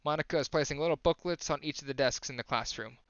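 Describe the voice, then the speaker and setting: A man's voice: fairly high pitch, quick pace, a bit bright, clear, resonant tone, dry recording, highs cut off. Young male streamer reading a game aloud. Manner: casual, self-correcting, rereads lines for emphasis. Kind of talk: reading a visual novel aloud on a live stream.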